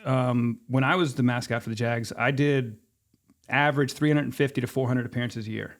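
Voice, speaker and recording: A man in his fifties, once a sports mascot performer, appears as a podcast guest and tells stories in a casual, animated way. Speaking briskly at a medium pitch, he acts out snippets of old conversations with quoted dialogue.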